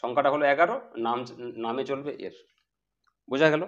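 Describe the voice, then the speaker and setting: A man's voice: medium pitch, brisk, lo-fi sound. A man teaching basic math who keeps asking the class questions and answering them himself. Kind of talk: explaining math to students.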